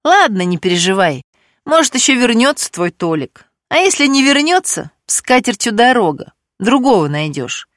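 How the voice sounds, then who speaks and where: Brash scheming girlfriend figure, high and bossy, close dry audiobook voice, done by the woman narrator. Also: moderate pace, dry recording. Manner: raised, pushy, lively. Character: brash scheming woman friend, self-satisfied.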